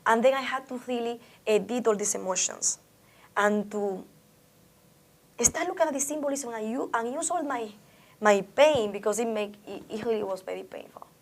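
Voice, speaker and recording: This oral history interview features a Spanish-speaking artist from the Dominican Republic with a Dominican Spanish accent. Her voice is a little high, she talks at a normal speed, and she reflects on her art, frequently restarting her sentences.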